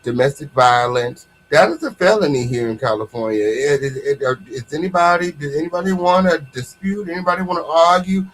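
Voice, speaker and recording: A man's voice: fairly high pitch, fairly quick, hardly any pauses, fairly bright tone, slight background noise, low-quality recording. An American man hosting a casual gossip livestream, talking in a sassy, slangy way and repeating phrases for emphasis. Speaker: host of an online gossip commentary show.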